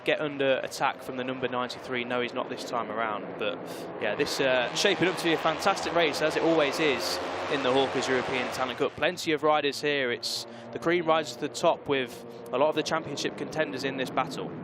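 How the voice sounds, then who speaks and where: A man's voice: medium pitch, fairly even intonation, brisk, very noisy. A man giving live motorcycle race commentary in a conversational motorsport commentator manner. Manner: motorsport commentator delivery, conversational with tag questions.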